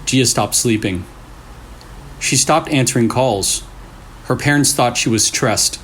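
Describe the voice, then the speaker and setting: A man with a medium-pitched, slightly bright voice hosts a scary-story session, reading at a measured pace in short, suspenseful phrases. Between stories he offers casual reactions and asides, and a faint hiss or hum sits under the recording.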